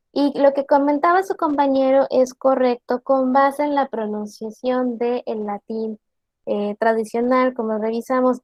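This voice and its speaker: A woman teacher giving an online class, explaining slowly and deliberately and asking her students questions. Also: on the high side, no room sound, lo-fi sound.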